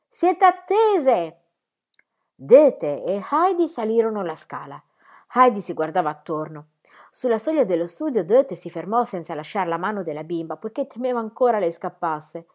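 A woman's voice: lowish voice, fairly quick. A woman reading a children's novel aloud expressively. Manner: expressive, lively. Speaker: reader. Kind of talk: storybook reading.

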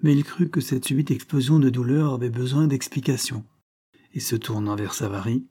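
A male audiobook narrator reads a classic novel in a calm, measured way. His voice is mellow and warm with a husky edge. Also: medium pitch.

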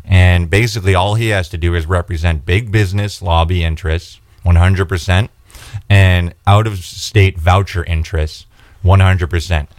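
In a radio studio, a state senate candidate talks earnestly and in measured fashion about his campaign during an interview, using fillers and restarting sentences. His voice is low with fairly even intonation, and the recording has no echo.

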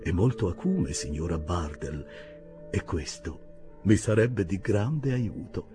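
A man reading an audiobook and voicing an earnest, easily flustered older gentleman who grows agitated and pleading. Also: low voice, animated, slow, faint music behind.

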